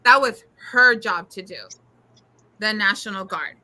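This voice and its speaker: A woman on a live video-call panel, talking in an animated and emphatic way, with a grown daughter. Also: medium pitch, unhurried. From California. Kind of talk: casual panel chat.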